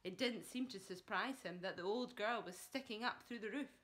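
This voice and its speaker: A woman's voice: medium pitch, normal speed, a bit bright. A woman reading a children's story aloud like a primary teacher, with dramatic emphasis, speaking directly to young listeners.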